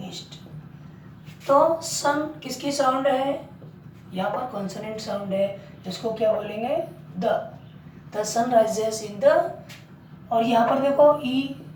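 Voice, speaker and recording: Slow-dictating woman grammar teacher, echoey. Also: a little high, darkish tone, recorded from a distance, slight background noise. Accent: Indian English. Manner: slow, dictating phrases and quizzing with rhetorical questions. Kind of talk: classroom lesson, slow dictation. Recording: echoey room, voice from off the mic.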